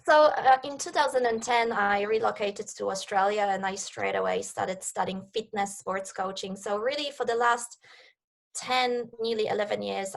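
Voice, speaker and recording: A woman's voice: mid-range voice, creaky, a bit bright. A woman in her thirties from Poland, speaking with a Polish accent, answering interview questions eagerly over a video call. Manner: enthusiastic, eager. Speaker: guest, networking coach.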